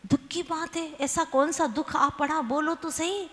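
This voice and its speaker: A woman's voice: high voice, fairly even intonation, a little slow, fairly bright tone, pitched above the performer's own voice. A woman voicing a curious neighbor man who keeps coaxing a crying man to explain himself. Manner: coaxing questions. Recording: long hall reverb.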